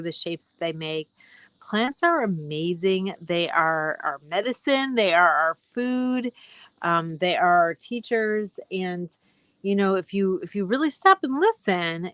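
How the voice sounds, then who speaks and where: Middle-aged woman rambling gently on a live stream, lowish voice, dry close sound. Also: no room sound, low-quality recording. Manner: gentle, rambling, many fillers. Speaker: wellness talk host. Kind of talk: casual live broadcast.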